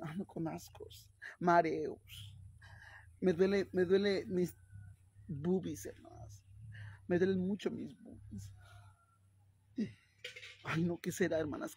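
A man's voice: fairly high pitch, darkish tone, breathy edge. A man playing a crude, fretful young woman who thinks she is pregnant, sighing and whining in a comedic vlog skit. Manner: whiny, sighing, keeps repeating "ay, hermanas".

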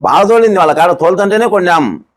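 Fast-talking man. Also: high voice, expressive, no room sound. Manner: rapid rural storytelling, re-enacts quoted speech. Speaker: bull owner and farmer. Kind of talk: storytelling in an interview.

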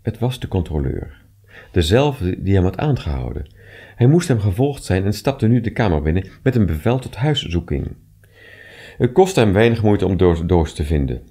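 A man reading short stories aloud with expressive, measured narration. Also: sits low, husky. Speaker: reader.

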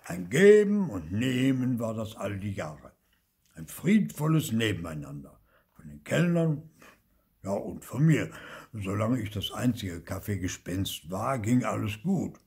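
A man's voice: fairly low pitch, big pitch swings, unhurried, gravelly, darkish tone, husky, heavily acted. A man voicing a big, stern old uncle ghost who speaks in a pompous, indignant tone.

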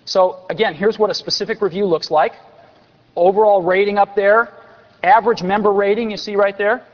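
Man presenting a product keynote, enthusiastic, slightly high voice, long hall reverb, dull lo-fi sound. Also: fairly even intonation, normal speed. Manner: enthusiastic, salesmanlike, dry sarcasm. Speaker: company executive presenting on stage. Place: large convention hall stage.

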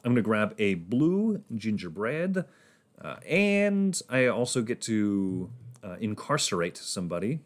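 A man's voice: on the low side, sing-song, a little slow. A man casually talking through his moves in a board game on a livestream, rambling and laughing often.

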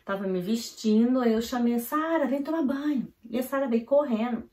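A woman from Brazil, vlogging at home and telling a family story in a hurried, animated way, full of "então, assim" fillers. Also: fairly high pitch. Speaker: vlogger and mother. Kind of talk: casual storytelling to camera. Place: at home, indoors. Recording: roomy echo of a home room.

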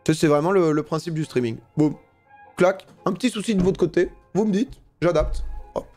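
A man talking through a live game stream in a loose, slangy manner, cursing now and then and reading on-screen text aloud before reacting. His voice sits a touch higher than most men's. Faint music plays underneath. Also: a little fast, a little mellow. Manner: casual, slangy, swears freely. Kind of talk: live gameplay commentary.

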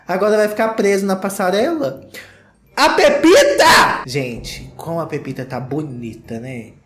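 A man's voice: a little high, moderate pace, reverberant. A man with a Brazilian Portuguese accent giving campy, theatrical comedic commentary on fashion runway walks, breaking into shrieks and exclamations. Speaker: YouTuber host.

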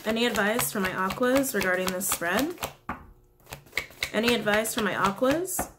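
Speaking to camera from a small room indoors, a young woman gives a relaxed tarot reading in a raspy, mid-range voice. Her intonation is lively and her pace moderate as she chats, giggles, and apologizes along the way, with heavy background noise throughout.

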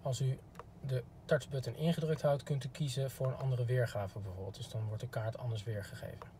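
With a dark, medium-pitched voice, fairly even intonation, and a fairly quick pace, a man leads a courteous, informal demo as a car product expert. The clip was captured in a parked car against clear background noise.

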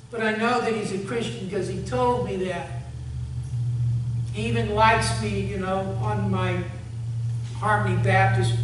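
A man preaching a sermon as pastor, telling a story in a conversational way and closing in soft prayer. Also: sits high. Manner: conversational storytelling, earnest appeal, fading to hushed prayer. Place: church sanctuary. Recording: echoey church hall, far from mic, faint hum.

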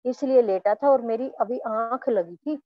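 A woman voicing an old, weak male monkey who gently pleads to be left alone as she reads a story lesson aloud. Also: fairly high pitch, a little slow, muffled recording, lightly acted. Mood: weary. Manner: soft, plaintive storytelling voice.

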